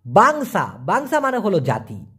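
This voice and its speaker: A man from Bangladesh, giving a casual vocabulary lesson and slowly repeating each word between chatty asides. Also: high voice, wildly swooping pitch, pushed and bright, husky. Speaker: language teacher.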